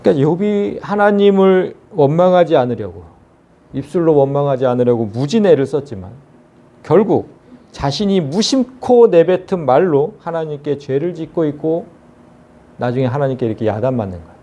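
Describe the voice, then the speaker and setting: Male pastor, sermon delivery, lively pitch swings, somewhat high voice, dull lo-fi sound. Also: moderate pace. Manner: earnest, animated preaching with rhetorical questions to the congregation.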